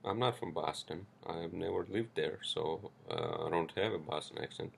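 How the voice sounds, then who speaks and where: A man with a deep, creaky voice speaks at a moderate pace, with a little hiss or hum in the audio. Hosting a casual solo podcast in non-native accented English, he rambles loosely with fillers, restarts and swearing.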